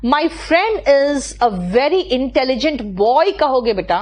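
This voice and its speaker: Slow-speaking Indian woman teaching English. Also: sits high, lively intonation. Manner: slow, drawn-out reading of English sentences, quick in Hindi asides; praises students by name, patient corrections. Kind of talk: online class, reading out student sentences.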